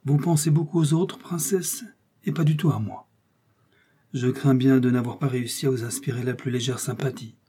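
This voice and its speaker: A man's voice: medium pitch, fairly even intonation, normal speed, warm tone, breathy edge, close to an everyday voice. A man voicing a wealthy young nobleman in an audiobook, ardent and bitter in his pleading. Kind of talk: audiobook character reading.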